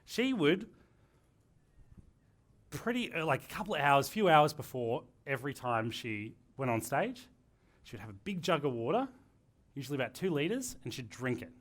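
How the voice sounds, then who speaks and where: A man with a slightly high voice teaches a workshop group, his pitch swinging widely as he talks. He sounds energetic and jokes a lot, speaking live to people in the room. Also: moderate pace, long pauses. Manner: energetic, animated, joking. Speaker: workshop presenter.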